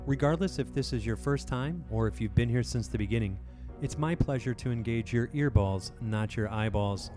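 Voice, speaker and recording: A man's voice: mid-range voice, dark tone. A man delivering a scripted podcast introduction as its narrator. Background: music under the voice.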